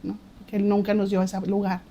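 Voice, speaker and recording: A woman's voice: medium pitch, monotone, brisk, mellow. A woman, a podcast guest, reflecting on her faith testimony and often repeating words as she searches for them.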